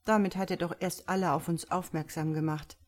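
A woman's voice: on the low side, fairly even intonation, brisk, natural voice. A woman voicing a gloomy, grumbling helmeted male creature in a read-aloud story. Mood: worried. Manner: grumbling and worried.

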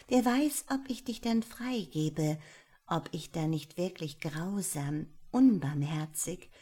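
A woman voicing a haughty young noblewoman in an audiobook, speaking softly and languidly, half in a whisper. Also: lowish voice, slightly rough, pitched above the performer's own voice, full character voice. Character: cold, aloof young noblewoman, haughty mistress. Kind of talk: audiobook character voice.

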